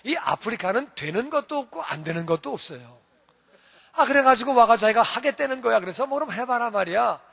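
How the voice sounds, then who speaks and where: A male pastor preaching a sermon in a church, telling a story in a lively way with acted quotes. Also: very high voice, a little fast, vocal fry, breathy edge, in a large hall.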